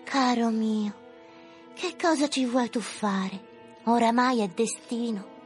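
A small, kindly marmot lady, as a male narrator puts her on, high and soft, consoling in a slow, soothing way. She gently lectures like a wise neighbor in a storybook reading. Music plays underneath.

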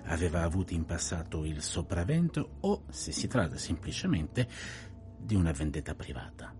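An actor playing a precise, courteous older detective in a radio play, telling events in a measured, grave way. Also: male voice, low voice, very animated, music in the background.

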